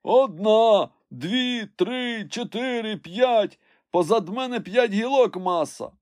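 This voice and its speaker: A man voicing a stocky, simple-spoken male servant who calls down plaintively from high in a tree, in an audiobook. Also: lively intonation, takes it slowly, darkish tone, dry recording, studio quality. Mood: calling down.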